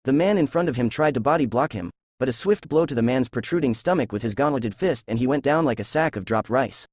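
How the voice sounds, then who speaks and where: A man reading a fan fiction story aloud in a steady storytelling voice. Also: medium pitch, fairly quick, no room sound, clean studio sound. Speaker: narrator.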